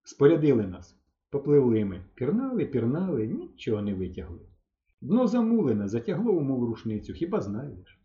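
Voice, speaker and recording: A man reading a children's audiobook aloud with lively storytelling. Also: medium pitch, fairly quick, reverberant, muffled recording. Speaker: audiobook narrator.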